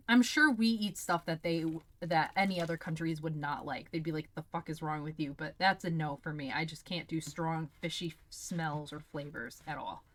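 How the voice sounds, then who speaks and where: Here the livestream host's voice is low-pitched and a bit bright. She samples snacks and chats casually, exclaiming candidly and swearing a lot.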